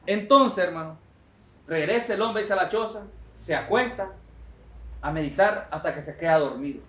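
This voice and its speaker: High-voiced preacher in an echoey room. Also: male voice, moderate pace, a bit bright. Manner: emphatic and repetitive, often calling his listeners "brother". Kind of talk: sermon.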